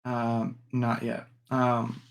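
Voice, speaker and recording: A man's voice: medium pitch, monotone, very slow, gravelly. A young man from the United States co-hosting a podcast in casual chat, opinionated and rambling with frequent ums and restarts. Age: young adult. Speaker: podcast co-host.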